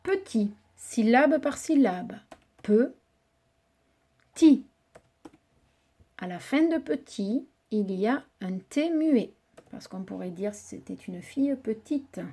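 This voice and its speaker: A female primary school teacher gives young children a slow, patient dictation lesson, spelling words out syllable by syllable. Her voice is mellow and a little high.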